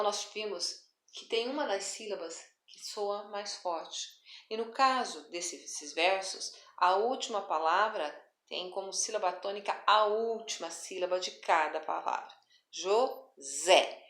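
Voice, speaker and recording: A woman's voice: fairly low pitch, fairly bright tone. A woman teaching a school lesson, talking patiently and drawing out stressed syllables with "tá?" checks. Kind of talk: classroom lesson. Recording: echoey room.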